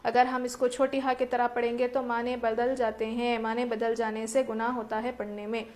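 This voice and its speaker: Woman recitation teacher, higher pitch, even delivery; methodical tajweed lesson. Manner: explains rules step by step, asks and answers own questions.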